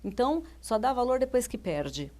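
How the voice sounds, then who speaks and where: A woman's voice: a little high, big pitch swings, moderate pace, dark tone. A woman with a Brazilian Portuguese accent, a life coach answering interview questions, telling stories and quoting her clients. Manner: anecdotal, quotes clients' words, many restarts.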